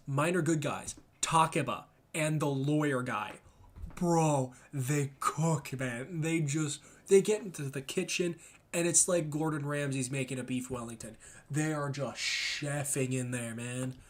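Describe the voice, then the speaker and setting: A young man chatting casually and emphatically in slang, thinking out loud as he rambles through his opinions. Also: a little high. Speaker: solo commentator reading and reacting to comments. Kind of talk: casual rambling chat about comics and anime.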